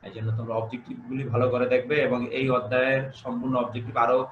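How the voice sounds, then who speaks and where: A man's voice: little pitch movement, rapid-fire. Male teacher, online class, repeats key words; echoey room, dull audio. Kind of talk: online grammar lesson. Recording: echoey room, dull low-fi sound, faint hiss.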